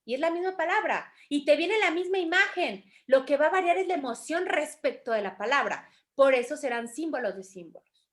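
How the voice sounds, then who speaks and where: A Mexican woman leads a spiritual study class, explaining ideas in a lively, expressive way. Her voice sits high and clear, and she acts out little quoted voices as she teaches. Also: fairly quick. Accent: Mexican Spanish. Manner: animated, acts out quoted voices, calls students affectionately. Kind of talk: teaching a course in an online group class.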